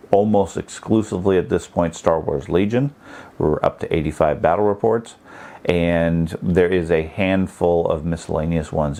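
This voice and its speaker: A middle-aged man hosting a casual video blog update, talking in a rambling, low-key way and often correcting himself mid-sentence. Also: darkish tone. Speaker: channel host.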